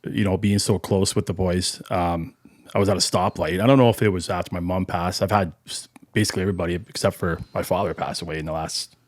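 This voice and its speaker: Male podcast guest with a deep voice, recorded dry and close, who talks in a reflective, halting way. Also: steady tone, dry recording. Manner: reflective, halting, many fillers and restarts. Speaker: podcast guest, firefighter and junior hockey coach. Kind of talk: casual interview talk.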